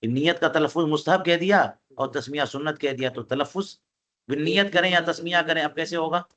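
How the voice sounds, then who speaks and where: A man whose voice is somewhat high and a bit bright teaches a classical religious text. He reads Arabic passages aloud, explains them line by line, and often pauses to question his students.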